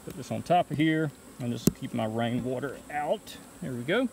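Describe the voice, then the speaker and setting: A man in his thirties walks the listener through a beekeeping chore in a relaxed, step-by-step way. He records outdoors in a bee yard on a handheld phone. Insects hum clearly all around him. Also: medium pitch, normal speed, poor audio. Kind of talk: casual how-to vlog. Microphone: phone camera held while working. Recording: outdoor noise with buzzing bees. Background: insects buzzing outdoors.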